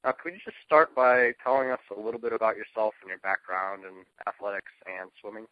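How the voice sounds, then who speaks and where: A male host from New Hampshire introduces his guest and asks questions in a friendly, steady manner. The sound is dull and lo-fi, and the voice is dry, with no room echo. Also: on the low side, fairly quick. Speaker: podcast host. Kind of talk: interview hosting.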